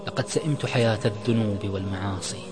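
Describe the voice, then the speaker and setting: A man narrator voicing a calm, composed young man who has turned to repentance. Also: fairly low pitch, fast, a crowd in the background, natural voice. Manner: calm, quiet.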